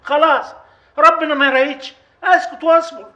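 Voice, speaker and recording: A weary, exasperated chief's son. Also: male voice, very high-pitched, steady tone, brisk, pushed and bright, muffled recording, exaggerated voice. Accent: Upper Egyptian. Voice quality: earnest, exasperated. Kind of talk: period TV drama acting.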